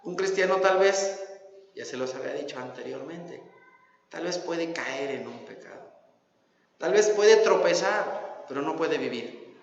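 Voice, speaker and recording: A man's voice: fairly high pitch, lively intonation, unhurried, pauses often, slight background noise. A man with a Mexican accent preaching a sermon as pastor, emphatic, repeating key phrases and asking rhetorical questions. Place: church hall. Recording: echoey church hall, dull lo-fi sound.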